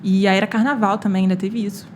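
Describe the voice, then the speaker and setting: A young Brazilian woman talks quickly and casually, retelling events with quoted dialogue and plenty of fillers. Her voice sits at a middle pitch, with faint ambient noise in the background. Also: fairly even intonation, a little mellow. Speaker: guest, medical student. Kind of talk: casual podcast storytelling.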